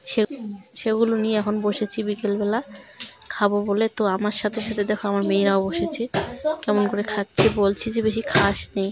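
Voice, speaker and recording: A woman's voice: mid-range voice, monotone, brisk. A young woman talks viewers through her household chores and her two daughters in a chatty home vlog. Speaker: vlogger, mother of two daughters. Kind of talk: casual vlog narration of daily chores. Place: home and courtyard by a water tap.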